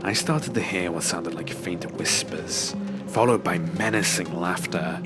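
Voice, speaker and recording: A man narrates a scripted, first-person scary story in a low, unhurried voice, with music playing under him in the background.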